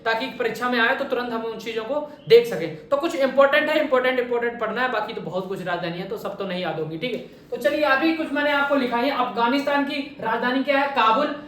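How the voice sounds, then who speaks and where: A man's voice: extremely high pitch, fast talker, hardly any pauses, fairly bright tone. A man teaching an exam-prep class, asking quiz questions and answering them himself, drilling each answer by repeating it. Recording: very echoey room, voice far from mic.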